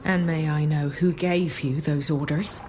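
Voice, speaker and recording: A woman's voice: sits low, fairly even intonation, unhurried, noisy background. An actress playing a proud, defiant young female sea captain in a video game, indignant and headstrong. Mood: challenging. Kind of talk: video game dialogue acting.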